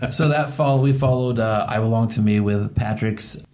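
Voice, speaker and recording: A man's voice: fairly low pitch, normal speed, a little mellow. A man co-hosting a casual podcast in an echoey basement, informal and loose with swearing. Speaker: podcast co-host. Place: theater basement.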